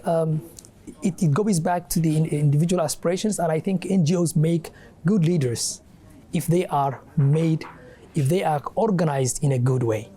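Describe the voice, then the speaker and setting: A young man from Somalia speaks as an interview guest, his voice mellow and warm. He talks haltingly, filling pauses with "um" and "uh" and restarting his phrases often. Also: on the high side. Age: young adult. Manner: halting, many fillers and restarts. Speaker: guest, adviser and academic. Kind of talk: interview answer.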